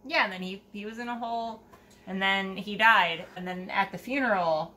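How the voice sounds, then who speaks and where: Bright-voiced, blunt young woman chatting. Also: medium pitch, normal speed, a little hiss or hum, rough recording. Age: young adult. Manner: blunt, sweary, informal. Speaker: book review co-host. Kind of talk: casual tipsy book chat. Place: room with bookshelves, indoors.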